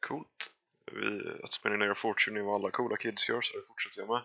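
Gravelly low male player, lo-fi mic. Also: little pitch movement, pushed and bright. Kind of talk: casual chat. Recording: dull lo-fi mic.

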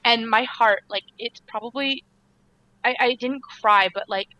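Bright, animated woman. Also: fairly high pitch, unhurried, low-quality recording. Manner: animated, giggly, dramatic retelling. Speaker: podcast guest. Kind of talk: casual chat.

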